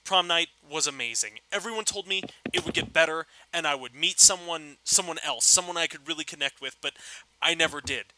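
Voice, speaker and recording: A man reading the lines of a lovelorn man who haltingly confesses his feelings to an old flame. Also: a little high, noisy background, close to an everyday voice. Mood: pleading.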